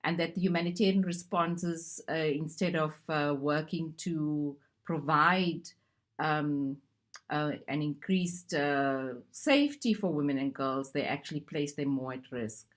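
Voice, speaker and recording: Low-voiced woman from South Africa. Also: measured pace. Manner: conversational, with hesitant fillers. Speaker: gender advisor. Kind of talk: recorded conference discussion.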